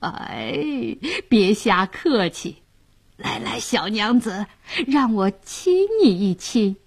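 Woman doing a drunk creepy official guy, slow and swaggering, voice all over the place. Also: mid-range voice, sing-song, husky, exaggerated voice. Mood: leering. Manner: leering, boastful, slurring. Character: lecherous drunken male official, middle-aged.

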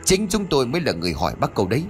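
A man's voice: mid-range voice, huge pitch swings, rapid-fire, soft background music. Narrator doing an angry young man. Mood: defensive. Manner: shouting, blunt.

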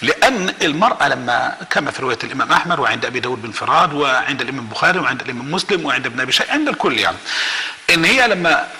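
Speaking quickly in a large hall, an Egyptian-accented man appears as a guest to recount a religious tale. He performs the dialogue of its figures energetically, his voice sitting in the mid range.

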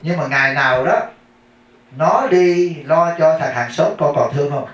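Monk giving a casual dharma talk, laughing and questioning the audience. Slightly high male voice, picked up from far off in a very echoey room. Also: normal speed, fairly bright tone, muffled recording. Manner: chatty storytelling, laughs often, asks the audience questions. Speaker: Buddhist monk teacher.

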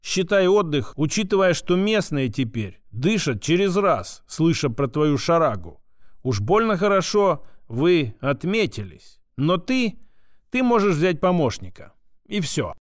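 A man's voice: a little high, sing-song, a little slow, dry recording. A sly male official, unflappable and teasing, who drawls his orders in a mocking, familiar tone, as the audiobook reader plays him. The voice is slightly raised and close, with a dry sound. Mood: mocking, firm.

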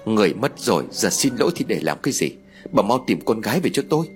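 A man with a lowish voice narrates an audio story over soft background music, very animated and fast. He voices a distraught older mother in grief, wailing, blaming her husband, and breaking into tearful, pleading outbursts.

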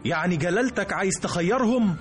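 A man's voice: sits high, expressive, fast talker, soft background music. A man playing an ambitious, entitled young prince with an Egyptian accent in a radio drama. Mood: insistent.

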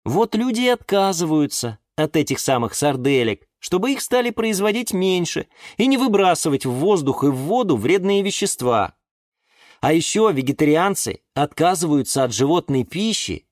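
A man's voice: fairly high pitch, big pitch swings, normal speed, dry recording, clean studio sound, voice pushed up. Man voicing an exasperated young plant-keeper. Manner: reasoning, exasperated. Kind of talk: audiobook character voice.

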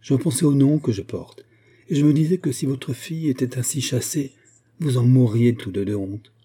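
A man's voice: medium pitch, moderate pace, mellow, slightly rough, close to an everyday voice. A man voicing a remorseful, indignant young noblewoman in an audiobook, pleading earnestly. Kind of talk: audiobook character voice.

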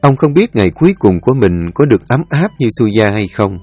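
A man narrating a scripted story, solemn and expressive, his pitch rising and falling a great deal. The sound is dry and close. Faint music plays beneath. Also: brisk, husky, no room sound.

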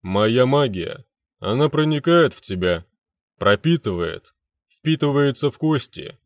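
Man doing an ancient demon, arrogant, rasping, slow, lower voice, dry sound. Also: lively intonation, no echo, natural voice. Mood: menacing.

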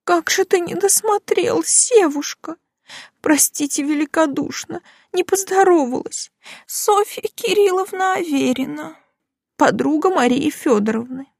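Woman voicing a bossy elderly neighbor lady, audiobook, high-pitched, gravelly, cooing, commanding. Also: expressive, unhurried, a little mellow, no room sound, clean studio sound, exaggerated voice. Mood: gushing. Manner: gushing and commanding. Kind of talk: audiobook character voice.

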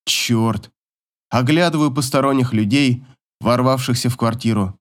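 A man narrates a first-person story audiobook at a middle pitch. His reading is dramatic and emotional, with lively rises and falls. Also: moderate pace.

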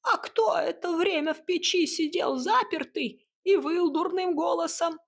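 A woman voicing a talking hut, an old female figure with a shrieking, cackling, sharp-tongued way of talking in an audiobook. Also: very high-pitched, a little slow, vocal fry, pitched above the performer's own voice, full character voice. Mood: snippy. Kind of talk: audiobook character voice.

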